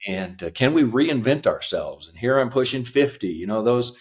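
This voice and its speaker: A man in his fifties, a podcast guest telling his life story earnestly, halting with fillers. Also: medium pitch, expressive. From United States. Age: 50s. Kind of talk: reflective personal storytelling.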